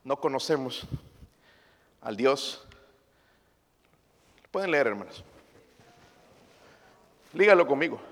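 A man preaching a passionate sermon, calling his listeners brothers, rising to loud emphasis and dropping to quiet asides. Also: medium pitch, big pitch swings, slow, pauses often, long reverb tail. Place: church.

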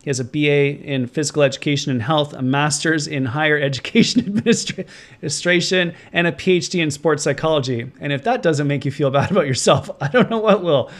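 A man's voice: a little high, fairly quick. A man hosting a podcast, reading a guest introduction and then talking in an earnest, reflective way with plenty of fillers. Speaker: podcast host. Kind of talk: podcast intro and interview chat.

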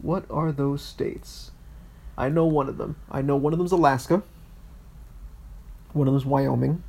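A man's voice: medium pitch, fairly even intonation, vocal fry, darkish tone, husky. A man co-hosting a podcast, talking politics casually, often stopping and restarting his sentences. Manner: halting, restarts often, reads bill text aloud. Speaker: podcast co-host.

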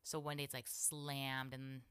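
A woman co-hosting a casual chat, telling animated stories and acting out what people said. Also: measured pace, smooth, no room sound. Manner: animated, acts out quotes with pitch jumps and whispers.

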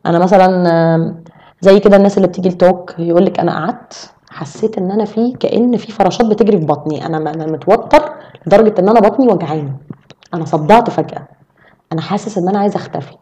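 A young adult woman with an Egyptian Arabic accent, chatting as a podcast guest and explaining things with lively examples. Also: lowish voice. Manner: animated, explaining with quick examples. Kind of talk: casual chat.

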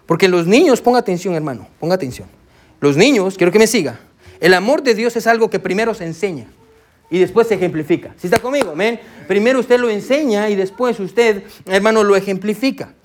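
A high-voiced man in his thirties preaches to his congregation from the pulpit. He speaks in an easy, conversational way, scattering "amen" and "brother" through his sermon. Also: lively intonation, a little fast. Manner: warm, conversational preaching with frequent "amén" and "hermano". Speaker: pastor. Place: church sanctuary.

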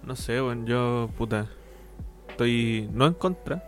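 A man's voice: mid-range voice, takes it slowly, soft background music. Easygoing young Chilean man. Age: young adult. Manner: easygoing, laid-back slang talk. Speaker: podcast co-host. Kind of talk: casual podcast chat.

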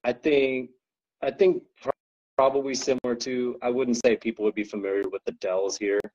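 A man's voice: mid-range voice, fairly even intonation, normal speed, darkish tone, highs cut off. A man chatting as a podcast guest, rambling with lots of ums and likes and frequent laughs. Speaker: guest co-owner describing an ultra race. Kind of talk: casual podcast chat.

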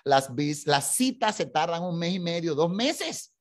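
A man voicing a patient, polite consulate clerk who answers calmly. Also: on the high side, measured pace. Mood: apologetic.

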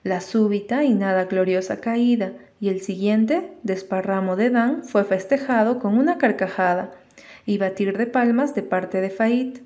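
A woman narrating an audiobook in a steady, expressive storytelling manner. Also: medium pitch, a little slow.

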